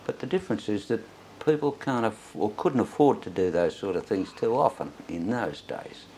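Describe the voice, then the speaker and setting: A man's voice: lowish voice, animated, moderate pace, a little mellow, a little hiss or hum. An elderly Australian man, an old veteran remembering his younger days in a rambling, anecdotal way for an oral history. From Sydney, Australia. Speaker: interviewee, war veteran.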